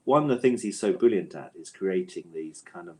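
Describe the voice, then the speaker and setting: This guest author has a low, warm voice and talks animatedly and fairly quickly in a casual literary interview. He gropes toward his points hesitantly, wanders off on tangents, and leans on repeated tag questions in his thoughtful phrasing.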